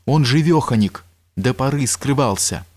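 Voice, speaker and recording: Guy doing a jittery frail nobleman in an audiobook, moany and whispery, pitched up, dry sound. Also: animated, a little slow, darkish tone, no echo, natural voice. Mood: agitated. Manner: agitated, moaning, breathless whispers. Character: frail, flustered male nobleman, cousin.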